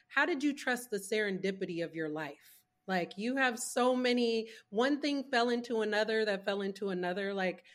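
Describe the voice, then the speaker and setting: A woman hosting an interview, asking eager, rambling questions full of "like.". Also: mid-range voice. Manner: enthusiastic, question-piling with many "like"s. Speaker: podcast host. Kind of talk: casual interview.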